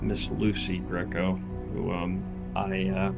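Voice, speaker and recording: Low-voiced man playing a tabletop game. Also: little pitch movement, takes it slowly, gravelly. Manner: hesitant, filler-heavy. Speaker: player. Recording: music bed underneath.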